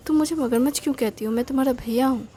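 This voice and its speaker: A woman's voice: high voice, quick pace, warm tone, a little hiss or hum, natural voice. A woman voicing a teasing older brother who squabbles in a mock-stern way.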